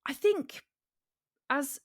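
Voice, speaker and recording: A woman from England co-hosting a podcast, chatting casually with halting restarts and frequent agreement. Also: no echo, studio quality. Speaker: podcast co-host. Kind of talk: casual chat.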